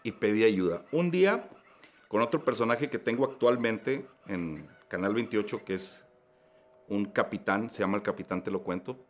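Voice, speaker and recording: A man in his forties with a Mexican Spanish accent, a voice-actor guest telling his story in a slangy, animated way. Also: fairly low pitch, moderate pace. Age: 40s. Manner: animated, slangy, acts out dialogues. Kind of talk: casual storytelling interview.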